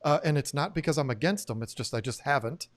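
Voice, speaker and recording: A man's voice: medium pitch, lively intonation, quick pace. A man hosting a live stream, chatting casually, rambling and laughing as he loses his train of thought. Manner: rambling, laughs often, trails off mid-sentence. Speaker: host of an aquarium live stream. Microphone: new studio microphone.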